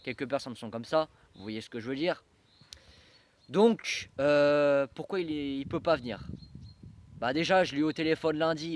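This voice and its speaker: A young man talking to camera in a casual vlog, rambling with many fillers and restarts. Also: fairly high pitch. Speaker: train-spotting vlogger.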